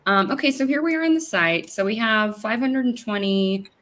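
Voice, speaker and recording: A woman's voice: a little high, expressive, normal speed, a bit bright. A woman, president of a company, talking as the guest in a casual interview over a video call, chatty and full of fillers. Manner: chatty, with many fillers and restarts.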